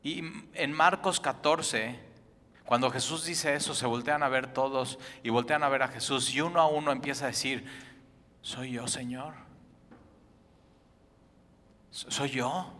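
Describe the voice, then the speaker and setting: A man preaching a sermon as pastor, shifting between loud emphatic lines and hushed ones. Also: mid-range voice, fairly even intonation, moderate pace. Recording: long reverb of a large hall.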